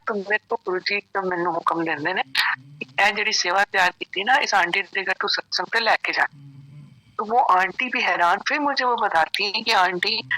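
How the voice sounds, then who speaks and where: Middle-aged woman, devotional testimony, earnest storyteller, bright voice, dry close recording. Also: medium pitch, no room sound, rough recording. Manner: earnest storytelling, mixing in English phrases. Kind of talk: storytelling testimony at a prayer gathering.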